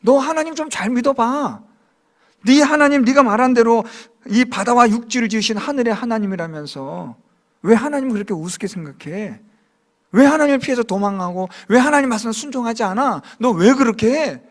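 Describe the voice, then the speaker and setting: A mob of scornful unbelieving sailors scolds a runaway believer, as a male preacher puts them on. The voice fires off one reproachful question after another, pitched high with lively swings and a gravelly edge. The tone stays scornful throughout. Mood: scolding. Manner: scolding, rapid-fire questions.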